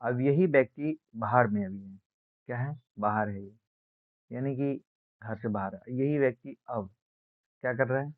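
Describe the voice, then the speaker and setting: A man teaching an exam-prep science lesson, speaking slowly and repeating key words, asking questions and answering them himself. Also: mid-range voice, no room sound. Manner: slow, repetitive, asks and answers own questions. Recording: dry, phone-like narrow sound.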